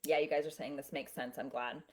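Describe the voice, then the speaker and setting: A woman's voice: deep voice, steady tone, a little fast, a little mellow. A woman teaching on a live stream. She explains step by step, often checks in with "right?" and "okay?", and answers viewer comments in a conversational way. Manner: conversational, with some restarts.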